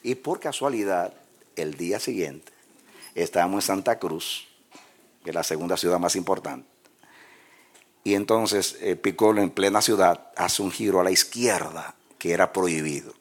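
Deep-voiced preacher, lively storyteller who acts out dialogue. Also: male voice, moderate pace. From Dominican Republic. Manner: lively storyteller, acts out dialogue and laughs at his own stories. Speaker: pastor. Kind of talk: sermon with personal anecdotes.

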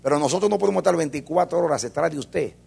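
A man preaching a sermon as a pastor, swinging between loud fervor and hushed intensity. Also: a little high, racing, creaky, slightly rough.

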